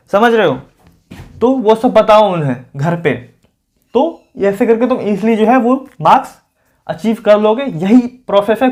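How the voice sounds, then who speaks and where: A young man talking straight to students in a casual, chatty way, giving study advice on his own channel and often repeating his points. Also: sits high. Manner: chatty, addresses viewers directly and repeats points.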